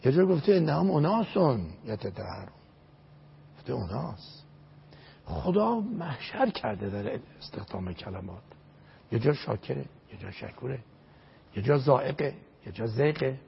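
An older man speaks as a religious scholar, preaching emphatically and reciting verses. His voice is gravelly and very husky. The recording sounds dull and lo-fi. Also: mid-range voice, sing-song. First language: Azerbaijani. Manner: emphatic, recites Arabic verses, repeats phrases for stress. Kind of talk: religious lecture in an interview.

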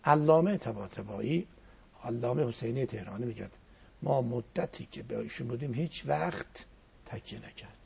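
A man speaks as a cleric in a reflective religious talk, quoting verses and lines of poetry as he goes. His voice is gravelly, with a strong fry, and it sounds deeply husky and rough. His pitch sits in an ordinary middle range. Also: lively intonation, warm tone.

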